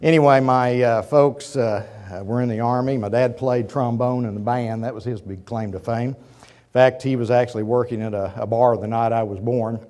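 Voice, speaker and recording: A male guest lecturer in his fifties, an Oklahoma businessman, gives a folksy, meandering talk in a university auditorium, sprinkling in many asides to the audience as a cold wears down his voice. His delivery is mellow and medium-pitched, with fairly even intonation and a moderate pace.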